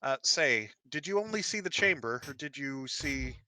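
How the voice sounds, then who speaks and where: Very bright-voiced male player. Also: medium pitch, lively intonation, normal speed. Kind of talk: casual tabletop play.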